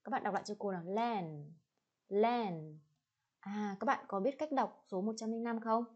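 A young woman teacher with a Vietnamese accent, drilling English numbers and addresses slowly and checking in with her pupils. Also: a little high, a little mellow, lo-fi sound. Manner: slow, clearly spelled-out English words, checks in with the class. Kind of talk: classroom lesson with drills.

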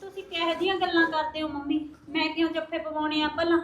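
A young woman playing a polite daughter-in-law in a short film drama, soft-spoken and conciliating. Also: very high voice, little pitch movement, fast, muffled recording, soft background music. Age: young adult.

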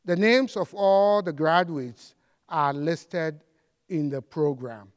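A middle-aged man giving a formal commencement address on an auditorium stage, reciting with slow, measured pauses. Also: fairly high pitch. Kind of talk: formal ceremonial speech. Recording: long hall reverb.

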